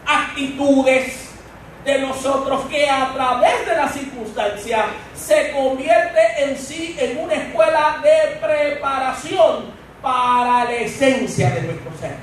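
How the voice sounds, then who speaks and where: High-voiced preacher in an echoey church. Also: male voice, slow pace. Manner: emphatic, addresses the congregation directly. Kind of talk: sermon. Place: church sanctuary. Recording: echoey church from far off, faint hiss.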